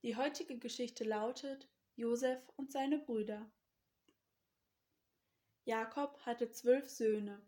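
Woman, children's service leader: higher voice, slow gentle story narration. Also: steady tone.

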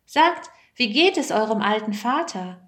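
A woman's voice: on the high side, lively intonation, measured pace, a bit bright. A woman reading aloud and voicing a powerful man who is overcome with emotion in a storybook tale. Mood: moved. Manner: moved, calling out. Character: powerful man, emotional ruler, forgiving brother.

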